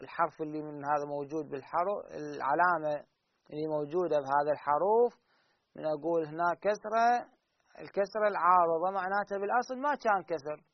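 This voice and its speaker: High-voiced man teaching recitation. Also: a little hiss or hum. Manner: asks students rhetorical questions and answers them; drawn-out slow recited examples. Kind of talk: teaching lesson. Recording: dull lo-fi recording.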